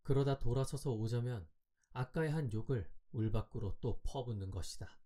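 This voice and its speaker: A man reads a classic tale aloud for bedtime listening, calm and measured. His voice is mellow and warm, sitting at an ordinary pitch. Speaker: audiobook narrator. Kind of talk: scripted audiobook narration for sleep.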